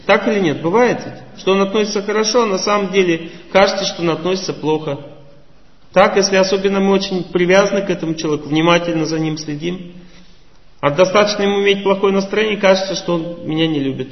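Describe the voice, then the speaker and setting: A man giving a measured spiritual lecture, teaching patiently and putting rhetorical questions to his listeners. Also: sits high, recorded from a distance. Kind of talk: religious lecture. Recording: echoey hall, voice from afar, muffled.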